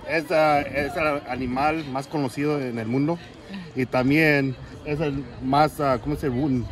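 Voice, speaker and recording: A man's voice: medium pitch, steady tone, a little slow. A man translating in a casual interview outdoors at an amusement park, hesitating and searching for words. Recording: noisy outdoor crowd.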